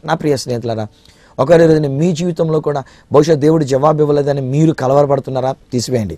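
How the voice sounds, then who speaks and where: A man's voice: on the high side, quick pace, dry recording. Dramatic male preacher with dry sound. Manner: dramatic, swings from hushed to soaring when voicing scripture. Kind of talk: televised Telugu sermon.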